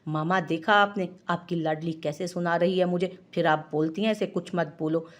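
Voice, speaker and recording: एक महिला कथावाचक एक शरारती, चिढ़ाने वाले युवा पति की आवाज़ पढ़ती है।. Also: female voice, fairly low pitch, fairly even intonation, normal speed, close to an everyday voice. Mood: teasing. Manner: teasing, mock-innocent. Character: playful young husband teasing his wife. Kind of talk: audiobook character voice.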